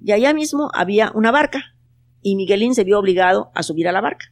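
A storyteller, reading a children's tale in a calm, unhurried way. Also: mid-range voice. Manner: calm, unhurried telling with plain quoted voices. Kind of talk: storybook narration.

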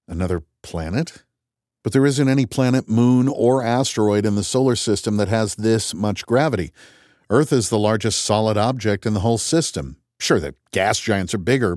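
A man narrating an audiobook in the first person, measured and wry, as if thinking aloud. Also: lowish voice, darkish tone, dry recording, clean studio sound.

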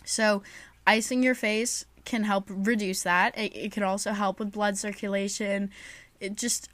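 A woman's voice: medium pitch, little pitch movement, a little slow, fairly bright tone, dry recording. Chatty young woman giving casual advice. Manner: chatty, upbeat, lots of "like" and "you know". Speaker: podcast host.

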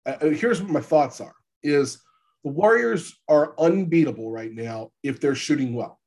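A man with a fairly high-set voice that sounds stuffed up and a bit gravelly with allergies. He hosts a sports podcast in a loose, chatty way, often restating a point as he works through it. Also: lively intonation, moderate pace, a little mellow. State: congested from allergies. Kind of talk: casual sports podcast chat. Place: podcast studio.

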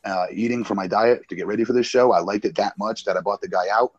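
A man's voice: on the low side, steady tone, fast, husky, dry recording. Brash man in his forties, lo-fi. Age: 40s. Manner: brash, boastful banter. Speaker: guest wrestler. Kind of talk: casual podcast chat.

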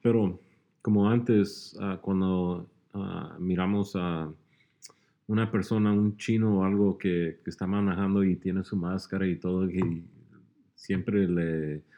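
A man's voice: deep voice, steady tone, slow pace, dark tone, muffled recording. A man hosting a casual interview, mostly giving short replies of agreement. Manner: brief encouraging backchannels. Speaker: host. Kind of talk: casual conversation.

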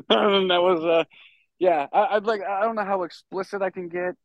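A New York man, guesting on a podcast, tells loose, rambling stories full of fillers and casual swearing; he works as a stagehand and musician. His voice sits high with a steady tone at a normal speed. The lo-fi recording has no room sound.

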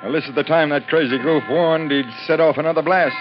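A man's voice: fairly high pitch, fairly even intonation, brisk, over music, natural voice. An American actor playing a slangy, cynical, jittery city policeman in an old-time radio drama. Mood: wry, jittery. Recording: muffled vintage radio recording.

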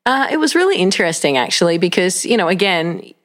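A woman with an Australian accent, a pastor telling lively stories as a guest in a casual home interview. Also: lowish voice, quick pace. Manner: animated, laughing storyteller. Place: home, indoors.

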